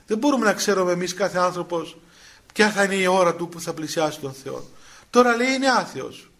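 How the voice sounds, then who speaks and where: An older Cypriot priest with a high voice talks in a homely, storytelling way. His Cypriot Greek accent colours every phrase, and he slips into colloquial asides with small chuckles. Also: lively intonation, fairly bright tone. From Cyprus. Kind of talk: spiritual talk with personal story.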